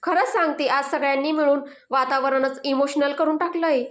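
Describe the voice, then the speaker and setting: A woman's voice: high voice, steady tone, normal speed, close to an everyday voice. A woman doing a stern, loving mother-in-law. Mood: warm. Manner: scolding, affectionate.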